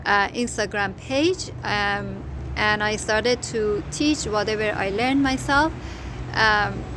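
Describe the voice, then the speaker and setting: Speaking slowly in a mid-range voice, a middle-aged Persian-accented woman, a native Farsi speaker, shares her personal story as a crochet designer. She's casual but halting, full of fillers and fresh starts, and the recording has noticeable background noise.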